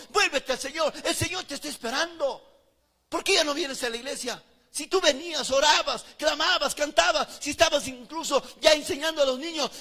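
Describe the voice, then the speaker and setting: A man's voice: very high voice, bright, forceful tone, big-room sound, voice pushed up, exaggerated voice. A man voicing an earnest, praying church sister who urges someone to come back. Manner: pleading, urging.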